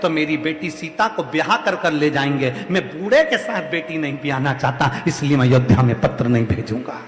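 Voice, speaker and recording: A man voicing an anxious king who quickly repeats his resolve, heard in an echoey hall. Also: fairly high pitch, slight background noise, pitched below the performer's own voice, natural voice. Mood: insistent. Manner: insistent, repeating himself quickly.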